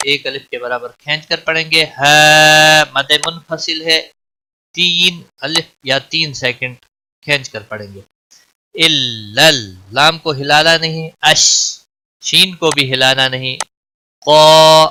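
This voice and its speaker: A man teaching Quran recitation rules in a recorded lesson, explaining each letter and then reciting it slowly and drawn out. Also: a little high, sharp tone.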